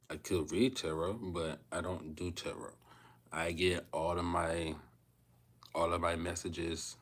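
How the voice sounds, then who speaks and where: A man's voice: low voice, a bit bright. A man in his thirties talking casually to viewers on a livestream, rambling and repeating himself, often asking if they feel him. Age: 30s. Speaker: vlogger.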